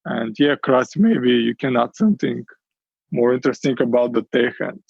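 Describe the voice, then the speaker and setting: A man answering interview questions in quick bursts, with many fillers along the way. His voice sounds dry and close, with no room around it. The audio is a little dull and muffled, as on a remote call. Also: medium pitch, creaky, a little mellow, husky, no echo. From Bulgaria. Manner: quick, eager explanations with frequent fillers. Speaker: startup CEO guest.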